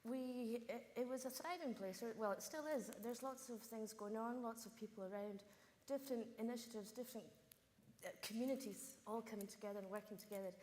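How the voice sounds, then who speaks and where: A woman's voice: fairly high pitch, fairly quick, a little mellow. A young woman with a Hebridean Scottish accent, speaking off the cuff as a rural youth panellist. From Outer Hebrides, Scotland. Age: young adult. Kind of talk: unscripted panel discussion. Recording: echoey hall, noticeable room noise.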